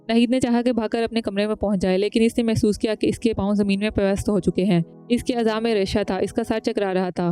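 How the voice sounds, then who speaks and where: A woman narrating a historical novel aloud in a brisk, even storytelling delivery. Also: mid-range voice. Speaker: audiobook narrator.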